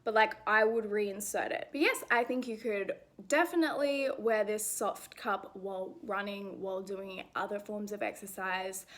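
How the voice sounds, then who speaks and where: A woman's voice: mid-range voice, steady tone, normal speed, few pauses, fairly bright tone. A young woman hosting a casual review vlog, chatty and encouraging, with frequent "like" fillers. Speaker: women's health video host.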